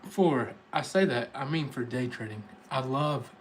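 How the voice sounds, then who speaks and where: A man's voice: medium pitch, lively intonation, measured pace. Tennessee-accented man livestreaming over background noise. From Tennessee, United States. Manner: informal, talking directly to chat viewers. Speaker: livestream host, day trader. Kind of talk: casual livestream chat.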